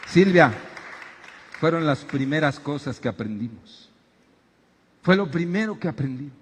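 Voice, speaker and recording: High-voiced preaching man, echoing hall. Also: measured pace, slightly rough, a faint crowd. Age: middle-aged. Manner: animated preaching, shouting dramatic quotes. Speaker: pastor. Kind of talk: sermon. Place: church auditorium.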